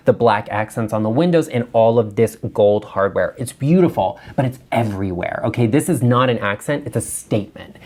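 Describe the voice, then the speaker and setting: A man's voice: medium pitch, darkish tone. A man hosting a design video, chatting frankly and with strong opinions about bathrooms he is looking at. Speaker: interior designer and channel host. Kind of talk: casual design commentary.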